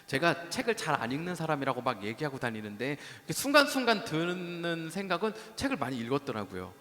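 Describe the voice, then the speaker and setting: A man preaching a sermon as pastor, animated and acting out the voices he quotes, in a church meeting hall. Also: a little high. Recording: reverberant hall sound.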